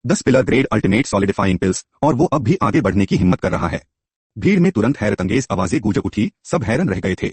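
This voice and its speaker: A man's voice: on the low side, very animated, fast talker, darkish tone, husky, dry recording. A man narrating a story in a scripted telling and voicing its characters himself.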